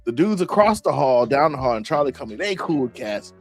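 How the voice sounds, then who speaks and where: A man's voice: medium pitch, a little fast, soft background music. Slangy, laughing man hosting a podcast. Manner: slangy, animated storytelling with frequent laughs. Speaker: podcast host. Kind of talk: casual chat.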